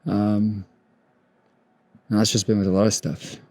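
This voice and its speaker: Low-voiced young man musing aloud. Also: flat delivery, measured pace, no echo. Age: 20s. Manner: soft-spoken, musing, trails off and restarts. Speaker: podcast host. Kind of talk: reflective solo podcast monologue. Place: outdoors at sunrise.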